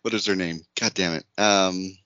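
Man, podcast co-host, low voice with a bright, pushing edge, laughs a lot, swears, dull dry lo-fi sound. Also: steady tone, moderate pace, no echo. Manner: laughs often and swears freely; reads article passages aloud sarcastically. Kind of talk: casual chat.

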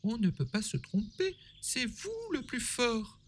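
A man voicing a timid little girl in a storybook reading, high and eager to please. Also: wildly swooping pitch, slow pace, slight background noise, full character voice. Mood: flattering.

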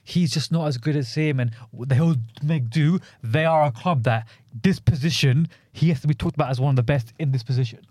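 A man's voice: on the high side, brisk, few pauses, darkish tone, no echo, studio quality. A young man with a London roadman accent, chatting about football in a slangy, insistent way. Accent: London roadman, multicultural urban slang. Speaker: football podcast co-host. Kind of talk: casual football banter.

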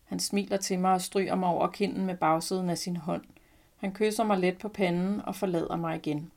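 Calm low-voiced woman reading her story. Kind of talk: scripted first-person narration.

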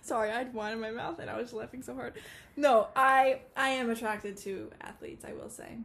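A woman's voice: fairly high pitch, fairly even intonation, normal speed, vocal fry, fairly bright tone. A young woman co-hosting a podcast, chatting casually, laughing often and using lots of fillers. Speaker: podcast co-host. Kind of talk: casual chat. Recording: faint ambient noise.

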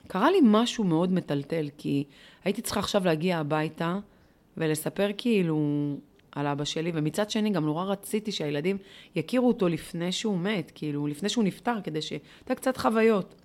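A woman's voice: lowish voice, animated, darkish tone. A middle-aged woman being interviewed, telling a personal story in a heartfelt way, with many rhetorical questions and fillers. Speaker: interviewee, volunteer leader.

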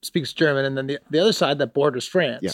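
A man chatting on a podcast, adding joking asides and quick comments. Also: medium pitch, dry recording, studio quality. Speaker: podcast co-host. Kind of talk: casual chat.

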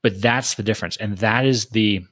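A man's voice: fairly low pitch, normal speed, a bit bright, no room sound, clean studio sound. A man co-hosting a casual book discussion podcast, speaking thoughtfully with hesitations and repeated words. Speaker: podcast co-host.

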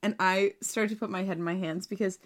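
A woman's voice: mid-range voice, steady tone, fast. A young woman co-hosting a podcast in casual chat, playful and teasing, laughing a lot. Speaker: podcast co-host.

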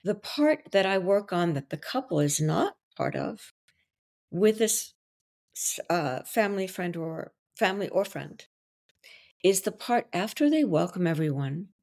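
This French-speaking Belgian woman works as a wedding officiant and coach, and she describes it in a podcast interview with theatrical confidence. Her pitch is fairly low and her pace measured. The delivery is expressive and dramatic.

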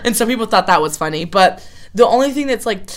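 A woman's voice: medium pitch, expressive, fast. A young woman co-hosting a casual chat, telling rambling stories with frequent laughs and fillers. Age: young adult. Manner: rambling, giggly storyteller. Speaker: co-host.

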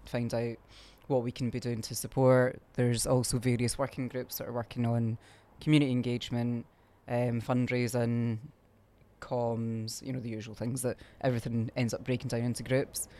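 A man's voice: mid-range voice, level tone, normal speed, mellow. A man, talking casually as a community organiser, rambling with lots of fillers. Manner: rambling, many fillers and restarts. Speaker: strike solidarity group organiser. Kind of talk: casual interview talk.

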